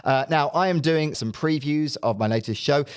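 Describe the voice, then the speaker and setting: A man's voice: fairly high pitch, normal speed, smooth. A man co-hosting a comedy podcast in a studio, chatty and playful. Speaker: podcast co-host. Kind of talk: casual comedy podcast chat.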